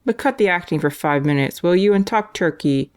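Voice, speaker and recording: A woman's voice: fairly low pitch, expressive, brisk, lightly acted. A woman doing a sneering, scheming male convict. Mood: mocking. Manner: sneering, then ingratiating. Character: mocking, scheming male death row inmate.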